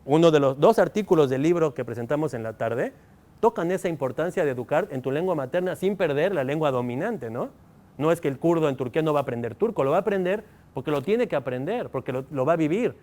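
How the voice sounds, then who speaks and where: A fast-talking male lecturer with a Mexican Spanish accent speaks with lively intonation in a slightly high, slightly mellow voice. Engaging with his university students, he keeps firing rhetorical questions at them.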